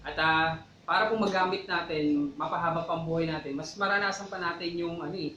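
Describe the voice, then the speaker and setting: A man's voice: fairly high pitch, steady tone, brisk, bright, forceful tone, reverberant, slight background noise, poor audio. A man co-hosting a church talk show, speaking conversationally and exhorting listeners as brothers and sisters. He keeps checking in with "di ba". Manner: conversational, repeats "di ba" often, exhorts "mga kapatid". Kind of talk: casual faith talk, preachy asides.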